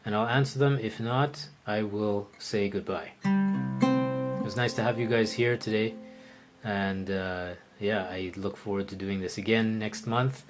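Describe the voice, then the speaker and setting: Over music, the oud instructor takes viewer questions in his live online lesson at an unhurried pace. His voice sits fairly low, and he muses aloud casually, full of fillers and restarts.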